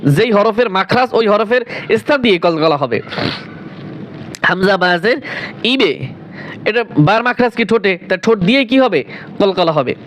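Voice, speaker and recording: A man with a Bangladeshi Bengali accent teaching Quran pronunciation, drilling syllables by repeating them clearly. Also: sits high, lively intonation, normal speed, a bit bright, a little hiss or hum, low-quality recording. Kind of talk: spoken tutorial lesson.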